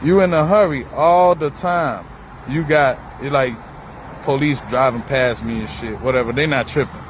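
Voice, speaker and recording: Standing outdoors beside a busy road, a male vlogger with a medium-pitched voice talks at a moderate pace. His monologue is rambling and profane, musing on spirituality and repeating itself as his thoughts drift, while traffic passes faintly in the background.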